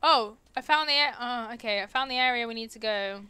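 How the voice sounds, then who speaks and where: This is casual let's-play commentary from a young British streamer from England, who mutters reactions and teases her audience as she plays. She sounds a little high, brisk, pushed and bright, with a clear, resonant tone and no echo.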